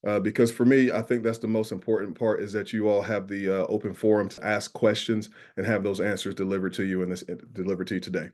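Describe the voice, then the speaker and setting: Casting: man with Southern drawl, lowish voice, earnest school safety presenter on a video call, lots of "uh". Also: flat delivery, brisk, hardly any pauses, darkish tone. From New York. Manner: earnest, many "uh" fillers. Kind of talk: webinar presentation.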